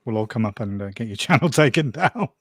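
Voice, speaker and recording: A man's voice: medium pitch, animated, brisk, slightly rough, no echo. A man co-hosting a casual live-stream chat, teasing the guests and laughing often.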